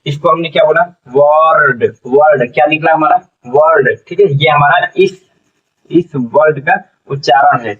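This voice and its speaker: Slow, repeating male teacher, distant mic. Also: on the high side, fairly bright tone. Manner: slow, spells out syllables, repeats questions to students. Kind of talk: classroom phonics lesson. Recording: dull lo-fi sound from a distant mic.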